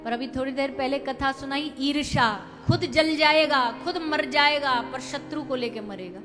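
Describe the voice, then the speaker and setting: A young woman telling a devotional scripture story as a preacher, dramatic, swelling loud for emphasis and chanting verses. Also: high-pitched, normal speed, big-room sound, soft background music.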